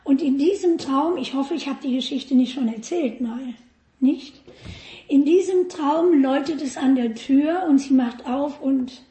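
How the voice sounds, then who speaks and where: Slow-speaking woman preacher. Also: sits high, dark tone, roomy sound. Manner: asks the congregation questions. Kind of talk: sermon.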